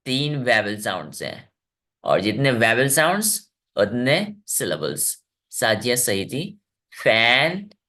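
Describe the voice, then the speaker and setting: A male English teacher leads an online class for children, cheering on his students and slowly stretching out words so they can hear each sound. His voice rises and falls a great deal as he explains. He sounds like a young adult. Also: medium pitch, big pitch swings, fairly bright tone. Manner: encouraging, drawn-out word demonstrations.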